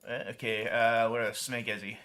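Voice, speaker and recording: Rambling bright-voiced gaming streamer man. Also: medium pitch, level tone, moderate pace. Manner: rambling, many ums and restarts, mild swearing substitutes. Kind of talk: casual gameplay commentary.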